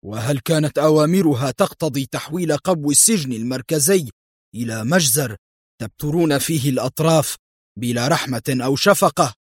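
A man voicing a stern, commanding general who gives clipped orders in a husky voice. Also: a little high, fairly quick, no echo, studio quality, close to an everyday voice. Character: stern commanding male general, older, cold authority. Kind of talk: audiobook character voice.

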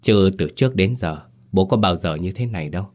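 A man's voice: sits low, lively intonation, fairly quick, darkish tone. A man voicing a frustrated adult son pressing worried questions. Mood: agitated. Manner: agitated, questioning.

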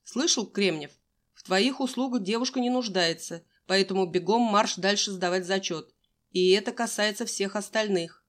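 A woman's voice: mid-range voice, moderate pace, close to an everyday voice. A woman voicing a stern male gym teacher who barks curt orders, in an audiobook.

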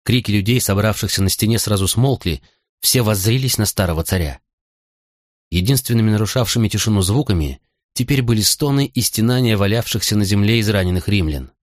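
A man narrates an audiobook in a steady, measured way. His voice sits low, and the close recording is dry and free of room sound. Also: dry recording. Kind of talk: scripted narration.

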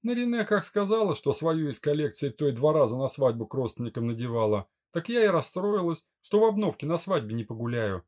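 A man reading a gentle young mother in an audiobook, soothing and talkative. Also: fairly high pitch, a little fast, few pauses. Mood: gentle chatty. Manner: soothing, lively chatter. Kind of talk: audiobook character voice.

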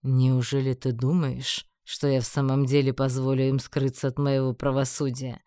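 A man's voice: mid-range voice, monotone, dark tone, clear, resonant tone, no room sound, studio quality, natural voice. A man playing a cold mocking emperor. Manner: slow, mocking, menacing. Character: cold, scheming male emperor, middle-aged. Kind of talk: audiobook character voice.

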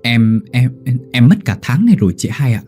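A man's voice: medium pitch, very animated, moderate pace, mellow, faint music behind, natural voice. A man voicing a timid young pregnant country wife, stammering and pleading. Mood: anxious.

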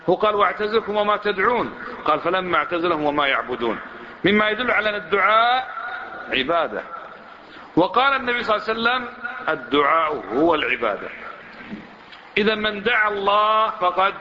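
A man teaching a religious lesson, speaking colloquially and questioning his listeners directly. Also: high-pitched. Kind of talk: religious lesson to a seated audience. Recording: dull lo-fi recording with faint noise.

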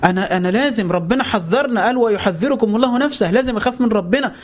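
A man's voice: sits high, very fast. A man with an Egyptian Arabic accent giving a colloquial religious lesson, pleading and urgent, speaking straight to his listeners. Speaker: preacher.

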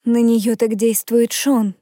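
A man's voice: very high voice, little pitch movement, slow pace, dark tone, no echo, clean studio sound, pitched above the performer's own voice. A man doing a worried, earnest young sorceress. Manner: worried, explanatory.

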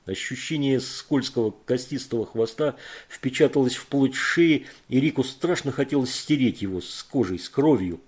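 A man reading a thriller audiobook in measured, even narration. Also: medium pitch, breathy edge.

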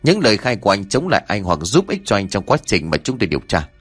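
A man's voice: lowish voice, big pitch swings, fast talker, fairly bright tone, breathy edge, no echo, faint music behind, full character voice. A man voicing a firm police interrogator giving instructions.

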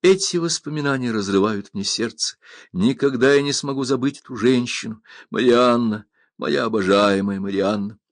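A man's voice: mid-range voice, normal speed, no echo, studio quality, lightly acted. A man reading aloud and voicing a passionate, grieving male pirate chief in an impassioned, declamatory way. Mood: anguished.

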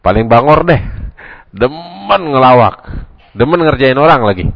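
A male preacher with a Jakarta Betawi accent tells funny stories in a relaxed lecture, leaping into high, loud voices whenever he acts out his characters. His voice sits at a middle pitch. The recording is dry and dull, with a lo-fi quality. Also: unhurried, creaky, no echo. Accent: Jakarta Betawi Indonesian. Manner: animated, acts out characters with sharp pitch jumps. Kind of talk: humorous storytelling lecture.

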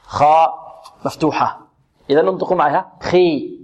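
Quran teacher drilling letter sounds. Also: male voice, on the high side, a little mellow. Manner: patient, asks questions then answers them himself; repeats sounds and words slowly, drawing them out. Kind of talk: tajweed lesson with recited examples.

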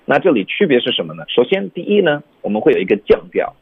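A man teaching English pronunciation on a radio program, explaining patiently and sounding words out slowly. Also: mid-range voice, very animated, husky, no echo. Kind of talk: radio lesson chat. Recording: narrow phone-like sound.

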